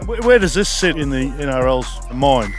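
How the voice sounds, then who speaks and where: A middle-aged Australian man, working as a roving reporter and host, runs casual sideline interviews on an outdoor sports field, full of jovial, matey banter. He speaks into a handheld reporter mic at normal speed, medium-pitched and very animated, with music playing in the background.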